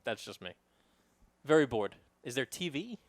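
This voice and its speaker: A man's voice: mid-range voice, very animated, moderate pace, no room sound. A man with a New York accent co-hosting a podcast, teasing his friend with hypothetical questions in casual banter. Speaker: podcast co-host.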